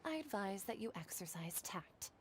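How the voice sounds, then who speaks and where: A woman's voice: medium pitch, sing-song, normal speed, slight background noise, natural voice. A woman playing a cold, officious law enforcer. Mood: stern. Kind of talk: dubbed game voice acting.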